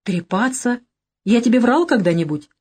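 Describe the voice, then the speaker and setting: A woman's voice: a little high, animated, normal speed, slightly rough, pitched above the performer's own voice. A woman reading an audiobook, voicing a cocky, short-tempered male gangster boss with a brash, mocking manner. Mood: boastful. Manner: brash, mocking, flares into shouting.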